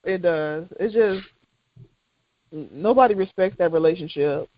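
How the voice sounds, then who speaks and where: A woman's voice: fairly low pitch, measured pace, no echo, highs cut off. A woman co-hosting a podcast, chatting casually, swearing freely and laughing often. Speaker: podcast co-host. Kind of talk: casual chat.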